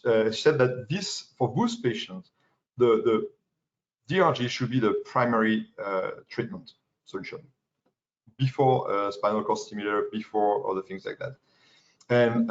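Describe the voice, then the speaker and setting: A young man with a French accent giving a medical webinar lecture as a fellow, halting with fillers and restarts. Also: fairly low pitch. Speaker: pain medicine fellow presenting. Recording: dull lo-fi webinar audio.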